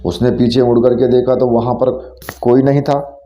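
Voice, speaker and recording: A man's voice: medium pitch, flat delivery, normal speed, mellow. Man narrating a horror story, roomy sound. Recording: roomy, dull lo-fi recording.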